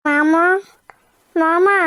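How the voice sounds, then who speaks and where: A shrill devoted young cartoon wife. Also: female voice, fairly even intonation, extremely slow, fairly bright tone, dry recording, studio quality, full character voice. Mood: tearful.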